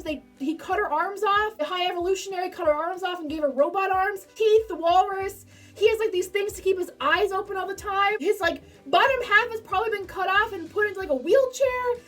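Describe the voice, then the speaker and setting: A woman's voice: extremely high pitch, a bit bright. A woman reviewing a film in a casual vlog, emotional and gushing, full of "like" fillers, her voice a little distant from the mic. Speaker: movie reviewer.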